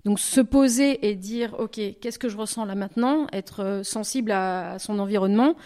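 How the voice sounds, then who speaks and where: A French-speaking woman past twenty, a singer being interviewed, reflects on her singing with a dark tone at a middling pitch. Her speech is full of pauses, restarts and rephrasings while she hunts for the right words.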